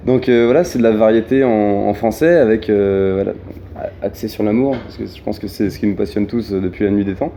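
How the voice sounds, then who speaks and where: A man's voice: lowish voice, brisk, mellow, slight background noise. A man with a Parisian French accent chatting casually as an interviewed singer, often hesitating and repeating words. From Paris region, France. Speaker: pop singer being interviewed.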